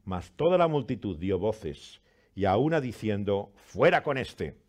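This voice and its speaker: A man's voice: on the low side, sing-song, measured pace, darkish tone. A man who reads a scripture passage with dramatic rises and falls, then preaches earnestly as pastor. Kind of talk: scripture reading and sermon.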